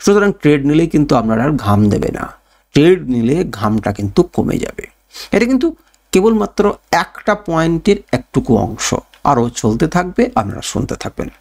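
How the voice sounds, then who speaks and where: Gravelly man teaching with rhetorical questions. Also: on the high side, big pitch swings, brisk, darkish tone. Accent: Bengali. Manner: rhetorical questions he answers himself; repeats key points for emphasis. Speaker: trading educator. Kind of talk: spoken tutorial.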